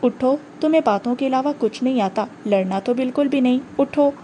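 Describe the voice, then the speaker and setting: A woman's voice: high voice, warm tone, a little hiss or hum, natural voice. A woman voicing a curt, hard male fighter. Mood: stern. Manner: curt and commanding. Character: hard, blunt male fellow prisoner and fighter.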